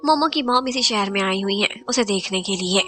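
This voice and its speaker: A woman's voice: medium pitch, fairly quick, sharp tone, soft background music. A woman narrating a recap of a drama, retelling each scene in Hindi sprinkled with English words. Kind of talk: scripted storytelling recap.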